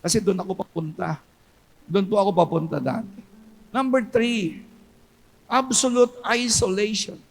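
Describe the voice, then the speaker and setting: A man preaching a sermon as pastor, swinging between loud cries and low hushed storytelling. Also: a little slow, gravelly, pauses often.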